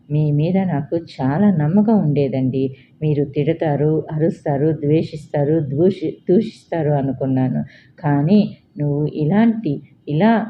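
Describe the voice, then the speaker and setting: A woman reading as a distraught young woman in an audiobook drama, her voice low and pleading turning to accusation. The sound is a little dull and lo-fi, with a faint hiss behind. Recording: slightly dull lo-fi.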